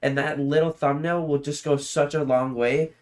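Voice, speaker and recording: A man's voice: on the high side, fairly even intonation, normal speed, a little hiss or hum. A man hosting a reaction video, commenting casually in a rambling way, full of filler words and easily impressed.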